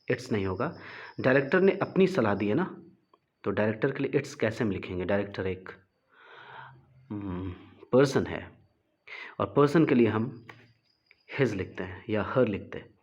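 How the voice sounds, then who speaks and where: A man teaching English grammar for exams, explaining step by step and reading example sentences slowly and deliberately. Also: on the low side, lively intonation, highs cut off. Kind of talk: explaining exam grammar questions in Hindi.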